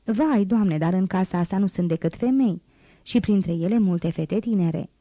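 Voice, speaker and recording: A devoted old gardener chatters away with a dark, warm tone, as a woman reader puts him on. The reading is close and dry. He sounds humble and eager to help. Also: mid-range voice, no echo, dull audio, lightly acted. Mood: chatty.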